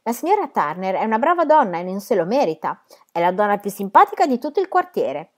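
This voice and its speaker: Woman voicing loud brash man, Tea Cake. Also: medium pitch, very animated, fast, lightly acted. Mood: forceful. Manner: loud, commanding. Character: rowdy brash man defending the owner.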